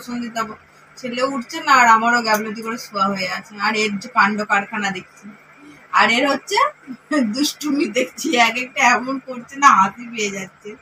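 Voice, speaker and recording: A woman's voice: fairly high pitch, steady tone, fast, sharp tone, far from the mic, slight background noise, low-quality recording. A woman in her thirties, lying down at home and talking playfully to her baby for a vlog. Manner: playful baby talk to an infant. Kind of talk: casual vlog narration.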